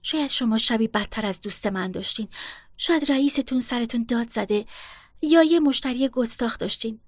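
A woman voicing a calm, persuasive young woman in a storybook reading, polite and coaxing. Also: a little high, no echo, studio quality, close to an everyday voice.

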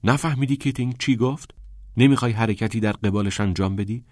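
A man's voice: lowish voice, a little mellow, no room sound, studio quality, voice pushed up, lightly acted. A male reader voicing an earnest teenage schoolboy who presses and pleads with a friend. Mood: pressing. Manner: urgent, pleading.

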